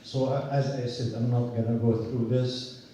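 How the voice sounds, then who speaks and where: An older man from Palestine, a university professor, giving an earnest, measured rally speech outdoors. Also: mid-range voice, little pitch movement, warm tone, very echoey, far from the mic, a little hiss or hum, poor audio. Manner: earnest, measured storytelling with restarts.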